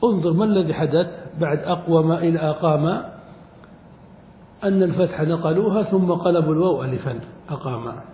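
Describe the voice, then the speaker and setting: A man gives a classroom grammar lesson, his voice fairly high for a man yet dark and mellow. He quizzes his students and stretches out each word as he goes. The sound is roomy and echoing, with a long hall reverb and faint ambience behind. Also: a little hiss or hum. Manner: questions students, repeats words slowly and drawn out. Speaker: Arabic morphology teacher.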